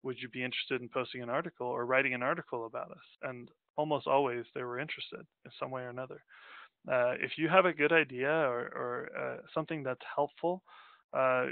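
This Danish man, a company president, presents a business webinar over slides without a script, talking casually and rambling with many fillers and false starts. His medium-pitched voice is gravelly and fairly quick. The dry recording sounds tinny, like a phone.

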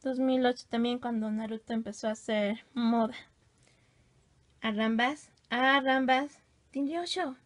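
A woman's voice: a little high, moderate pace, few pauses, mellow. A woman casually showing off her old hand drawings, gushing and exclaiming as she goes. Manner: gushing, exclamatory, self-teasing. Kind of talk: casual show-and-tell.

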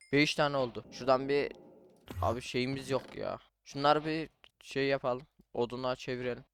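A man's voice: medium pitch, fairly bright tone, clear, resonant tone, no echo, studio quality. A young man casually commenting on his own Minecraft playthrough, chatting to himself and his viewers as he plays. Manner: chatty, talks to himself while playing, says "abi" and "arkadaşlar" often. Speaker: gaming YouTuber.

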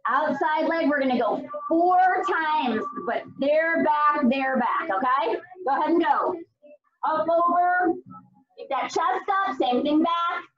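A woman's voice: sits high, slow pace, lo-fi sound, soft background music. A woman speaking as an aerobics instructor for kids, calling out drills and counts in short, encouraging commands. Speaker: kids' fitness instructor.

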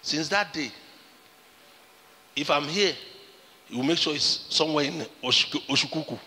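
A man's voice: fairly high pitch, normal speed, pushed and bright, long reverb tail, slight background noise. A man preaching a sermon as pastor, emphatic and acting out the conversations he retells. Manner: emphatic preaching, acts out quoted exchanges.

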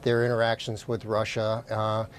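A man speaking as a news panel analyst, careful and deliberate. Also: fairly low pitch, monotone, slight background noise.

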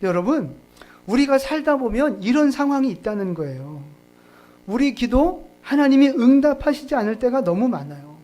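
A pastor delivers a sermon at a church service in a relaxed, conversational voice of middle pitch. The preacher jokes and laughs along the way and keeps turning to the congregation with questions. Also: moderate pace.

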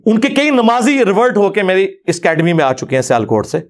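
A man's voice: high-pitched, very animated. A male religious lecturer giving critical commentary on a clip in an argumentative, challenging manner.

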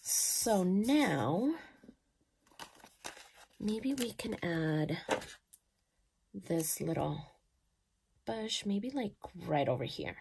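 A woman in her thirties chatting casually as she decorates her planner, gushing and thinking aloud, sometimes dropping soft. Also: mid-range voice, animated, extremely slow, creaky, long pauses, slight background noise. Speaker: planner vlogger.

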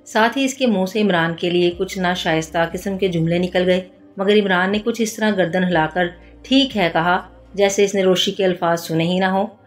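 A woman narrating a detective novel as an audiobook in a steady storytelling voice, with music behind her. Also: on the low side, normal speed. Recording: soft background music.

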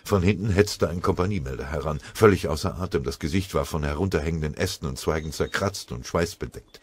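A man narrating a war audiobook in a grave, measured way. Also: rumbling low, slightly rough. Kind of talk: scripted war story narration.

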